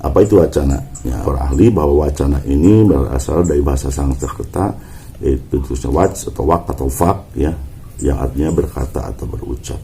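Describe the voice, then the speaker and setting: Male lecturer, low voice, very dark mellow tone, explains step by step, answers his own questions. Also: a little fast, creaky, a little hiss or hum. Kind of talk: recorded university lecture.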